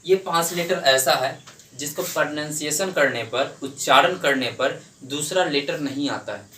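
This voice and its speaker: A man's voice: a little high, a little slow, sharp tone, a little hiss or hum. A man teaching an English grammar lesson to a class, asking questions and answering them himself, repeating each point. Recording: echoey room, mic at a distance.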